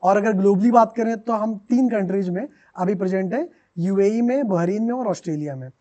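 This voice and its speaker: A startup co-founder answers podcast interview questions in a podcast studio, explaining things steadily and mixing in English business terms. His voice sits high and brisk, and the sound is lo-fi.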